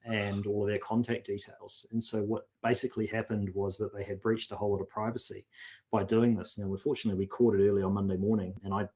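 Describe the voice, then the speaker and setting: A man's voice: on the low side, little pitch movement, quick pace, darkish tone. A man speaking as a consultant guest in a casual podcast interview, earnest and often repeating words as he restarts.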